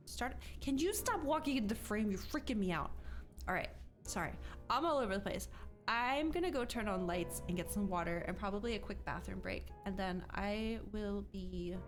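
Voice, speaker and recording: A young woman streamer chatting casually while she plays a video game, excitable and talkative, breaking into squealing disbelief. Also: mid-range voice, moderate pace, faint music behind. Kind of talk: casual live-stream commentary.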